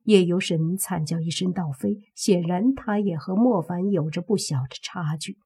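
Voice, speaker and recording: A woman narrating a web-novel audiobook in slow, even storytelling. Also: lowish voice, husky. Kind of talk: scripted narration. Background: faint background music.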